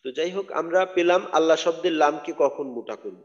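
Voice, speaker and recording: A man teaching Quran recitation, patiently spelling out letters and drawing out words slowly. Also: fairly high pitch. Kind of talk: tajweed lesson. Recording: dull audio with long hall reverb.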